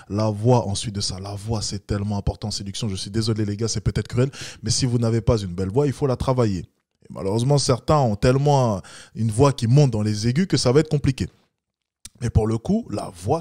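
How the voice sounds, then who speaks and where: A man's voice: a little mellow, no echo, studio quality. A man giving blunt, lecturing reaction commentary as a dating coach. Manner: blunt, lecturing, mocks with high-pitched imitations.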